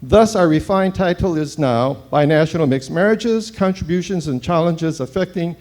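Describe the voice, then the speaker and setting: A man in his seventies from Hawaii, presenting at a conference and reading his paper aloud in a brisk, formal way. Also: on the high side, lively intonation, darkish tone. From Hawaii, United States. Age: 70s. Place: seminary conference hall.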